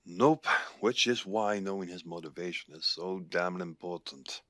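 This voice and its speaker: Deep-voiced and recorded dry, a man voices a wary Irish werewolf alpha in audio roleplay acting. His measured, grave word choice suits a veteran pack leader, and his slightly bright tone carries a stern, advising mood.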